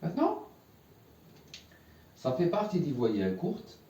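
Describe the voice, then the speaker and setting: A man's voice: on the high side, wildly swooping pitch, slow pace, warm tone, muffled recording. A man teaching a lesson, patient and repeating words for learners to echo back. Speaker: Arabic teacher. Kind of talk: classroom lesson at a whiteboard. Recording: echoey room, voice from a distance.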